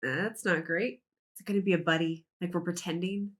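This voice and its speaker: A woman's voice: fairly low pitch, steady tone, a little fast, noisy background. A woman giving casual live reaction commentary, exclaiming often and thinking aloud as she watches. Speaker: reaction video host.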